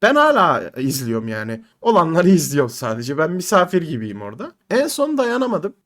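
A young man in his twenties from Turkey, telling a personal anecdote in an animated, slangy way with swearing. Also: a little high, a little fast. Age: 20s. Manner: animated, slangy, swearing, addresses listeners as guys. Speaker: podcast storyteller. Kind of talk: casual anecdote storytelling.

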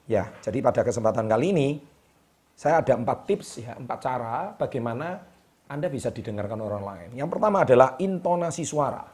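A man hosts a motivational talk, speaking straight to the camera. His voice sits in a middle pitch, and he stresses key words and repeats them with a drawn-out "ya" between points. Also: animated, darkish tone. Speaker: host.

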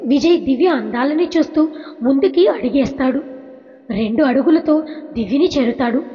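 A woman narrating a story in a gentle, expressive audiobook style. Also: high-pitched. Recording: reverberant, dull lo-fi recording.

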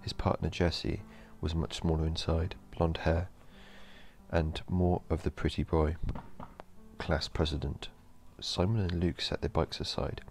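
A man narrating a horror story in a slow, measured storytelling delivery. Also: very deep voice, little pitch movement, darkish tone, soft background music.

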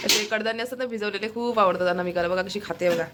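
A woman's voice: mid-range voice, quick pace, over loud music. A woman casually narrating a family home vlog from her kitchen, chatty and always pointing things out. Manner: chatty, keeps saying look here, coos at her pet. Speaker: family vlogger.

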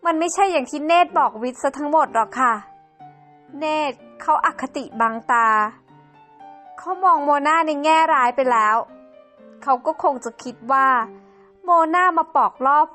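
A woman's voice: high-pitched, normal speed, bright, forceful tone, faint music behind. Woman voicing a sly, sugary young mistress.

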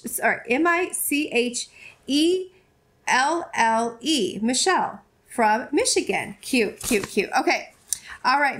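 A woman's voice: fairly high pitch, fairly bright tone. A woman in her forties chatting casually on her vlog, effusive and gushing, rambling with frequent restarts. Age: 40s. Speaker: vlogger. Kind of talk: casual chat opening fan mail.

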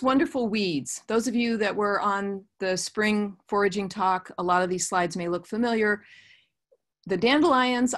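Woman, middle-aged, webinar presenter, video-call mic, friendly explanatory tone. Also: medium pitch. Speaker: master gardener presenter. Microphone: webcam on a video call.

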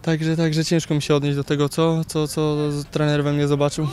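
A young footballer in his twenties answering interview questions outdoors beside a pitch, halting with many repeated words. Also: monotone, darkish tone. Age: 20s. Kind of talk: post-training interview. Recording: faint outdoor noise.

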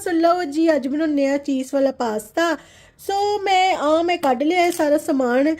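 Woman, Punjabi accent, high voice, casual vlogger, chatty, direct address, English phrases mixed in. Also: moderate pace, a little mellow. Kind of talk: casual chat to viewers about daily routine.

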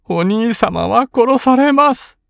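A man's voice: unhurried, vocal fry, no room sound, exaggerated voice. A man voicing a tearful young woman from a samurai household who sobs and begs her older brother not to go. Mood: tearful pleading. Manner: high, sobbing, begging. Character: young samurai-family sister, tearful, pleading.

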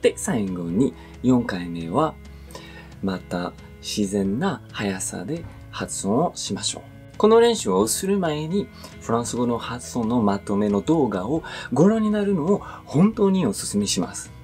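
A man who runs a language school, leading a pronunciation lesson and carefully articulating each word, stretching it out very slowly on the repeats. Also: mid-range voice, big pitch swings, darkish tone, soft background music. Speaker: French school principal and teacher.

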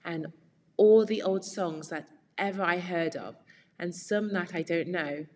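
A woman's voice: lowish voice, unhurried, in a large hall, a little hiss or hum. A woman teaching English, reading a children's story aloud and patiently explaining words along the way.

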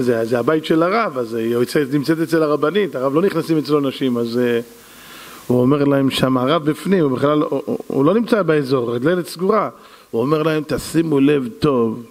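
A man giving a rabbi's lesson, telling stories in an animated way and turning to his audience as he goes. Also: fairly high pitch. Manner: animated storyteller, voices quoted people, addresses audience as "gentlemen". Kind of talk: storytelling sermon. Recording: reverberant hall.

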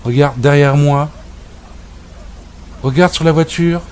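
A man's voice: on the high side, slow pace, smooth. A man giving comic role-play commentary over gameplay, scolding and exasperated in a joking banter. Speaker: gameplay video creator.

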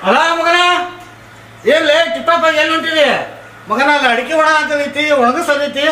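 A man's voice: very high voice, normal speed, echoey room, noisy background. A man playing a gossipy village farmhand, teasing a fellow worker. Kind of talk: rustic comedy skit.

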